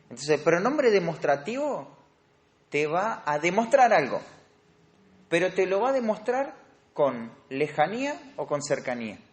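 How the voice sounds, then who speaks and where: In a high, sing-song voice and without hurrying, an Argentine man leads a grammar-focused Bible study class. He has a Rioplatense Spanish accent, lays things out step by step, and puts questions to his students.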